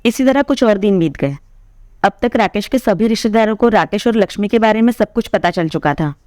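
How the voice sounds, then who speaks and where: A woman narrating a dramatic audio story in an even, measured storytelling manner. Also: mid-range voice, no room sound, clean studio sound. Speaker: narrator and writer.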